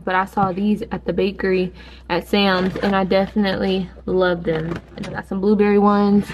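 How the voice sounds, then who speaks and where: A young woman in her twenties films a vlog on a handheld phone in her apartment kitchen, chatting casually and playfully. Her voice is medium-pitched, with a little hiss or hum on the audio.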